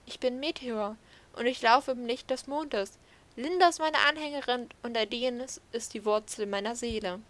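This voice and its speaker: A woman's voice: on the high side, moderate pace, fairly bright tone, lightly acted. A woman reading aloud the lines of a lost male spirit horse from a game, solemn and dreamy.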